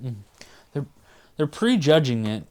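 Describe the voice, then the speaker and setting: This podcast co-host, a man in his forties, has a mid-range, slightly mellow voice with big pitch swings and an unhurried pace. He rambles enthusiastically in casual chat and occasionally loses his train of thought.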